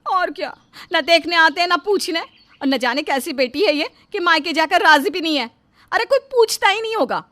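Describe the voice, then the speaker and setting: Bossy spoiled young wife, voiced by a woman, high voice, lively, bright, sarcastic storybook dialogue. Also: moderate pace, full character voice. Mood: taunting. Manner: loud, scolding, sarcastic.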